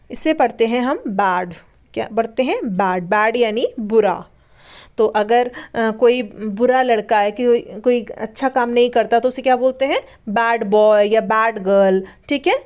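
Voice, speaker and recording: A woman teaching beginners English, spelling each word slowly, repeating it and asking learners to say it back. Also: fairly high pitch, darkish tone. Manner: spells words letter by letter slowly. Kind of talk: spoken language lesson for beginners.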